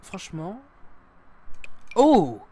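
A man's voice: high voice, huge pitch swings, very slow, mellow. A man giving casual live gameplay commentary as a streamer, playful and self-mocking, with sudden exclamations. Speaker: gaming streamer.

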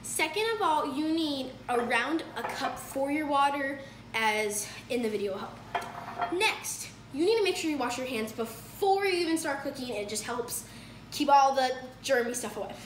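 Her voice sits high and expressive at a moderate pace as this young woman hosts a relaxed cooking video at home, upbeat and chatty with plenty of fillers and corrections of herself. A phone across the kitchen counter picks her up amid echo and background noise.

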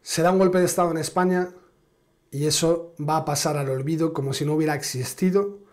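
A man delivering a political commentary monologue in a rather high voice. He speaks with biting sarcasm and stretches key words for emphasis, repeating phrases for effect. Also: steady tone. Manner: sarcastic, emphatic, drawn-out dramatic stresses.

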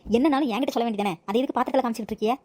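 A woman playing a sharp-tongued, defiant young daughter-in-law in a comedy skit, arguing back. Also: a little high, very fast, no room sound, lightly acted. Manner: argumentative, retorting. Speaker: comedy sketch actor.

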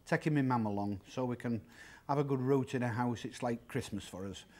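Brisk and medium-pitched with a darkish tone, this fifties-aged secondhand shop owner talks plainly in an interview, showing items and breaking down their prices one step at a time. He's chatty, and the setting is a large indoor used-furniture warehouse.

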